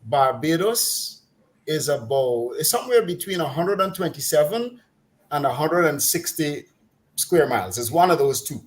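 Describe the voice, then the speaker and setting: On a talk program, this middle-aged commentator with a Guyanese accent delivers casual, opinionated chat, mocking and exasperated, with occasional laughter as he rants. He speaks at a normal speed in an animated, fairly high voice.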